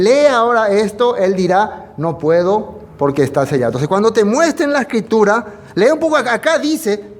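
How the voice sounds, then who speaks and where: A man preaching a sermon, reading verses slowly and emphatically, then explaining them conversationally with rhetorical questions. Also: high voice. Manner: speaks directly to the listener, with rhetorical questions.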